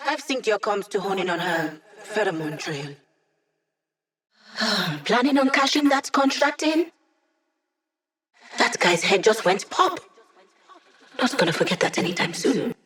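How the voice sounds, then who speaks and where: Hack, a quippy digital hacker. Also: female voice, mid-range voice, animated, unhurried, pauses often, a bit bright. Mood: wry, playful. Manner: casual, quippy, teasing. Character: upbeat, wry young female hacker living as a digital consciousness. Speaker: mission support character in a video game. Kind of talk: video game voice lines over comms.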